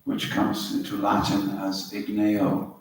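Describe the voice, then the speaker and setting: A middle-aged Welshman, a spiritual teacher, gives a talk to a small group in a yoga center hall, telling anecdotes and tracing words one step at a time. His voice sits fairly low and stays monotone at a slow pace. The hall sounds roomy, the mic is distant, and a faint hiss runs underneath.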